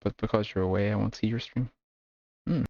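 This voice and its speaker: A man with an Irish accent chatting casually with his viewers while streaming a game, relaxed and laughing often. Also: on the low side, fairly quick, vocal fry, no room sound, lo-fi sound. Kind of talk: casual gameplay chat with viewers.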